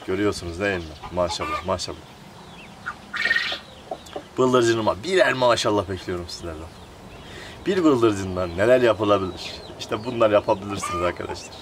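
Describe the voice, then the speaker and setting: Playful man in a noisy coop. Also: low-pitched. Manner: playful, chatty, coaxing the bird and addressing viewers. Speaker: poultry vlogger. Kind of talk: casual chat to camera. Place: outdoor poultry coop. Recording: clucking birds loud behind. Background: chickens and quails clucking.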